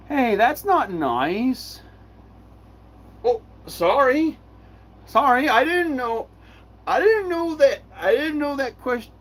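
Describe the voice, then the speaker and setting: A man hosting a live stream Q&A, reading chat messages aloud and answering in a halting way, repeating himself often. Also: very high-pitched, a bit bright.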